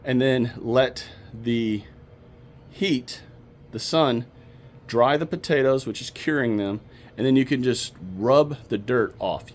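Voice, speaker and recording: A man's voice: medium pitch, a little mellow, a little hiss or hum. Chatty man gardening outdoors. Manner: chatty and practical, addressing viewers as y'all. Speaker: home gardening channel host. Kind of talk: casual gardening vlog. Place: outdoors in a backyard garden, then indoors.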